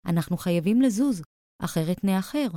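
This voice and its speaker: A woman voicing a sweet, gentle mother who soothes her husband, in a storybook reading. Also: medium pitch, animated, no echo, studio quality, lightly acted.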